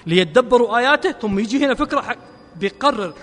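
High-voiced Gulf preacher, long hall echo. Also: male voice, expressive, fairly bright tone. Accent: Gulf Arabic. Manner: chants verses slowly, then explains in quick casual asides. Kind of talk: sermon.

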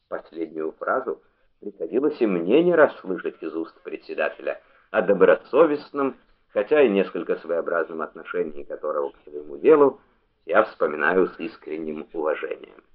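A man reading a memoir aloud as an audiobook narrator, in a measured literary delivery, on a tinny phone-like recording. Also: deep voice, very animated.

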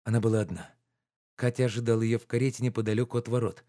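A man narrating a classic novel in an even, measured reading. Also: medium pitch. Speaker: audiobook reader.

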